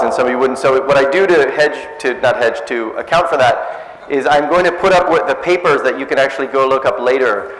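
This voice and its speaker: Before a cafe audience, a loud-voiced middle-aged man gives a casual science talk at medium pitch. His manner is lively, jokey and self-deprecating, and the indoor event space sounds echoey.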